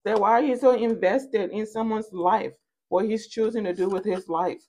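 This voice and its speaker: With a medium-pitched, dark voice, a steady tone, and a moderate pace, a woman leads a casual tarot reading at an indoor card table for her channel. She spins it playfully like a story and uses slangy endearments, and the recording is rough.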